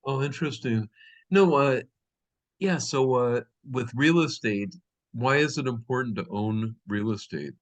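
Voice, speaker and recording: A middle-aged host of a business interview show speaks at a medium pitch, a little slowly. His interview chatter wanders, with lots of filler words.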